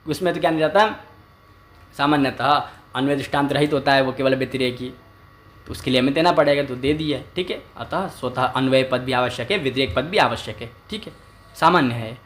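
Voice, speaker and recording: A man's voice: mid-range voice, brisk, a bit bright. A man teaching a classical Sanskrit logic text as a lecture, often asking rhetorical questions and answering them himself, and repeating key terms.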